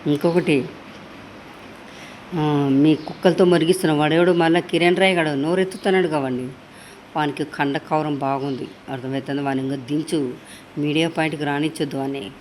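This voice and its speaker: A woman's voice: sits low, fairly even intonation, normal speed, a little mellow, slight background noise. A woman in an angry political rant, scolding and insulting as she keeps demanding agreement. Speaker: political supporter.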